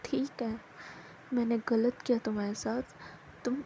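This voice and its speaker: Storybook read-aloud: a woman plays a withdrawn, heartbroken young woman, quiet and mellow. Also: fairly high pitch, steady tone, measured pace, slight background noise, rough recording. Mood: pleading, hurt. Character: young woman, hurt and withdrawn, pushing her love away.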